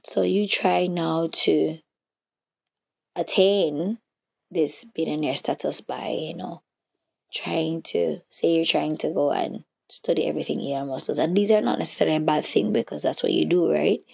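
A woman's voice: low-pitched, normal speed, vocal fry, a little mellow, breathy edge. A woman giving a casual spiritual teaching, reflective and searching for her words as she goes. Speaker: faith teacher. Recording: dull lo-fi recording.

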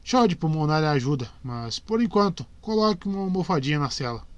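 A man voicing a blunt, sharp-tongued young female archer who mocks her companions, in a dry close recording. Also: fairly high pitch, sing-song, a little fast, no echo, highs cut off. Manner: blunt, mocking.

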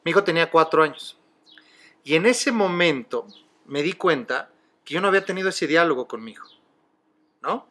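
A man's voice: fairly high pitch, animated, normal speed, pauses often, a bit bright. A middle-aged man with a Mexican accent hosting a podcast, telling stories in a chatty, casual way and laughing easily. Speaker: podcast host. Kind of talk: casual conversation.

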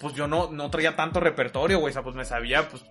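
A young man with a Mexican accent tells a story to his friends in a rush of slang and swearing. His voice is bright and a bit high, and he talks quickly. Faint music plays underneath. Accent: Mexican Spanish. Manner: slangy, animated, full of swearing and filler. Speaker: podcast host. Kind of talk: casual storytelling chat among friends.

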